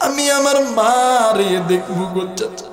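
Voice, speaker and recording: Grieving son, high wailing sung pleas, echoey hall, faint music, put on by a male preacher. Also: a little slow. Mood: wailing grief. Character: grieving adult son searching for his dead mother.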